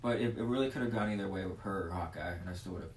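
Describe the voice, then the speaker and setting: A young man co-hosting a podcast, talking casually with quiet, wry asides. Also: sits low, racing. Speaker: podcast co-host. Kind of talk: casual chat. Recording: roomy with faint background hiss.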